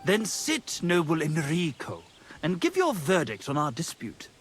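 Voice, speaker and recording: A pompous lovesick troubadour poet. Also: male voice, a little high, wildly swooping pitch, unhurried, soft background music. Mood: lofty. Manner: pompous, theatrical, scornful. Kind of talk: video game cutscene acting.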